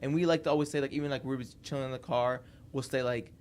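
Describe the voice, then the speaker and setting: A man's voice: mid-range voice, fairly even intonation, fast, darkish tone. A man talking earnestly in a casual podcast chat, often throwing in rhetorical questions. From United States. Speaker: podcast guest.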